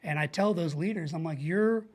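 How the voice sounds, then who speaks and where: A middle-aged American man with a fairly high voice is a guest on a podcast, talking casually as a leadership coach. He comes across as earnest and informal, explaining ideas with quick everyday examples.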